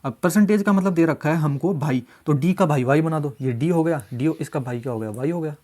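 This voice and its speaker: A man's voice: on the high side, brisk, warm tone. A man teaching exam reasoning questions, working through each step and often checking that students follow. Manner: repetitive, coaxing, keeps asking "samjhe?". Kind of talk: solving mock test questions step by step.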